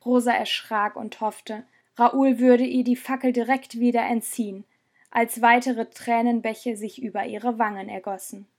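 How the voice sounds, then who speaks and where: Brief: female audiobook narrator, measured, slightly high pitch. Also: steady tone. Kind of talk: scripted narration.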